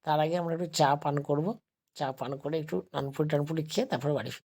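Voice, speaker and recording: With a sore throat, a travel vlogger from West Bengal, India speaks quietly and slowly in a slightly high voice, his intonation staying flat and even. He addresses viewers as friends in a casual vlog, filming on a phone he holds while walking around temple grounds.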